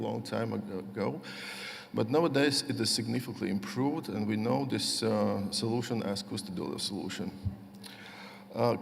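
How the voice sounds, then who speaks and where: Gravelly man lecturing in a reverberant hall. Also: medium pitch. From Latvia. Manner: halting, many fillers and restarts. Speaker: conference speaker, physician. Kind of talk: conference lecture. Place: large conference hall.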